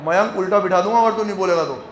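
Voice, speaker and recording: A male accounting teacher giving a classroom lecture, leading his students in loud call-and-response chants. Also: high-pitched, very fast. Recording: echoey classroom with faint ambience.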